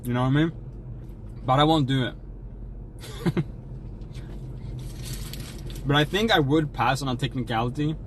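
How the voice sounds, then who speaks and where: A man's voice: mid-range voice, measured pace, pauses often, a little hiss or hum, low-quality recording. A young man livestreaming, chatting casually while eating, in a jokey, folksy put-on American drawl. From Sweden. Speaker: streamer.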